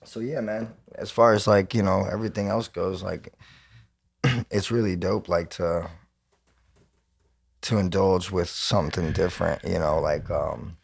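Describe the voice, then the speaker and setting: Low gravelly man hosting a chat. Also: fairly even intonation, unhurried, long pauses. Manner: laid-back, many fillers like "you know". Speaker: podcast host. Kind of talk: casual chat.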